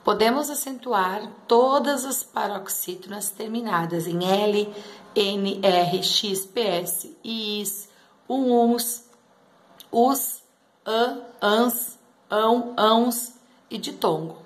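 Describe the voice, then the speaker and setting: A woman's voice: mid-range voice, slow. A woman teacher giving a grammar lesson, explaining step by step and often checking in with her students. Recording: echoey room.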